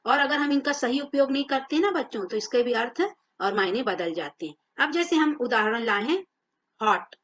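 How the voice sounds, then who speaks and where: A woman's voice: on the high side, lively intonation, moderate pace, a bit bright. A woman teaching a grammar lesson to children, patiently spelling out words letter by letter. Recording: dull lo-fi audio.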